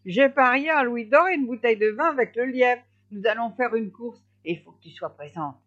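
A woman voicing a boastful, bossy male hedgehog in a storybook tale, talking in a brisk, commanding way. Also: fairly high pitch, expressive, fairly bright tone, pitched above the performer's own voice. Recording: slightly dull lo-fi recording.

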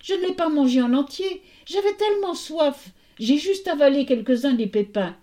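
A woman voicing a tearful young goddess who pleads in a high, sobbing voice. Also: expressive, moderate pace, warm tone.

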